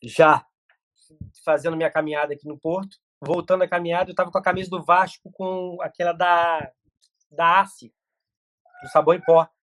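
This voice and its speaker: A man's voice: a little high, flat delivery, a bit bright, no room sound, studio quality. A middle-aged man, a podcast guest telling stories in casual chat with many restarts. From Brazil. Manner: rapid storytelling with many restarts.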